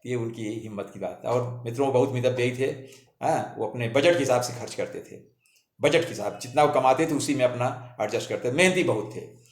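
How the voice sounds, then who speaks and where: A man's voice: medium pitch, brisk. Older man, memoir storytelling, homely tone, roomy echo. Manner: homely, addresses listeners as friends. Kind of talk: autobiographical storytelling to viewers.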